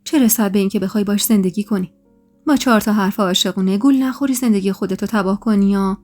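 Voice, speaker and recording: A woman's voice: mid-range voice, a little mellow, soft background music, lightly acted. Woman doing an anxious, pleading young woman. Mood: urgent warning. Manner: urgent, pleading.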